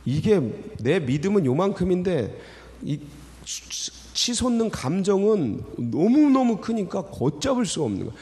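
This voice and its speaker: A man's voice: high-pitched, big pitch swings, measured pace, mellow. A man preaching an early morning sermon in a church, talking in a loose, emotional way and often breaking off to restart his sentences. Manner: emotional, conversational preaching with many fillers and restarts. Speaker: pastor. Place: church sanctuary. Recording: church hall reverb.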